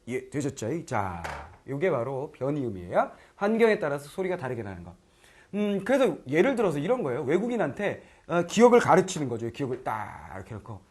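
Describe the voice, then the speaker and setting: Fairly high-pitched, brisk and husky, this middle-aged man's voice leads an online lecture on Korean grammar. He's animated, repeatedly checks that students are following, and mimics foreign learners' lines in quoted voices.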